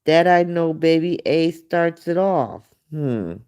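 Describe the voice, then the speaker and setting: A woman's voice: low-pitched, animated, takes it slowly, darkish tone, smooth. A woman hosting a livestream, giving casual gossip commentary in a blunt, profane way and talking back to her viewers. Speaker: livestream host.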